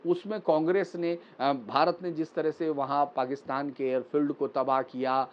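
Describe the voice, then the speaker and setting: A man with a fairly high voice walks through the day's news like a commentator, steady and explanatory, pausing often with small fillers. The recording sounds a little dull and lo-fi. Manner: measured, explanatory, frequent pauses and fillers.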